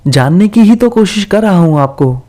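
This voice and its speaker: A man's voice: high-pitched, lively intonation, moderate pace, warm tone, pitched above the performer's own voice. A man voicing a friendly, amused young office worker who talks in a light, teasing, polite way. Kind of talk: storybook character voice.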